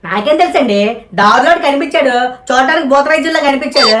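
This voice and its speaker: A high-voiced woman in a comedy sketch who argues quickly and whines. The room is echoey, and there is clear noise in the background. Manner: quick, whiny, argumentative. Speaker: comic actor playing a son.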